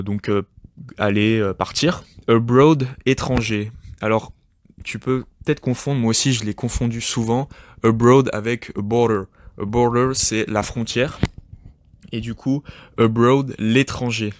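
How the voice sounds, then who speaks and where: A man's voice: medium pitch, slight background noise. A man giving an informal spoken lesson, talking directly to the listener with many hesitations and repeated words. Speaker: English teacher, podcast host. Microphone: podcast microphone.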